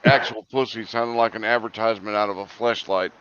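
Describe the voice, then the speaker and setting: A man's voice: lowish voice, steady tone, a little fast, a bit bright, clear, resonant tone, highs cut off. A man in crude casual banter in an online voice chat, needling others with mocking questions.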